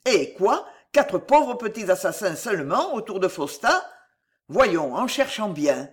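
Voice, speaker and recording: A seasoned swordsman from a storybook, voiced by an audiobook narrator, speaks with calm, cutting irony. The voice sits in a middle pitch but moves around a lot. It is measured and unhurried, even in a fight. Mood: mocking. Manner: calm, dry and mocking. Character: cool, ironic male swordsman, seasoned fighter. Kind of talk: audiobook character voice.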